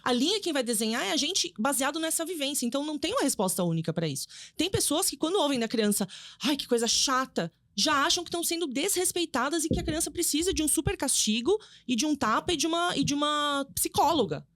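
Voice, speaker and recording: A woman psychoanalyst talking casually on a podcast, explaining fast with lively emphasis. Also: high voice, dry recording, clean studio sound. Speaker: psychoanalyst guest.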